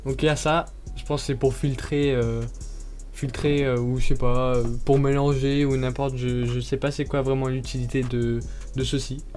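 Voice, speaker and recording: A man's voice: mid-range voice, flat delivery, normal speed, darkish tone. Guy unboxing stuff for his channel, lots of ums, chill chatty vibe, faint music in the back. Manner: chatty, hesitant with many fillers, laughs often. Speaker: YouTuber unboxing products. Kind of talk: casual unboxing vlog.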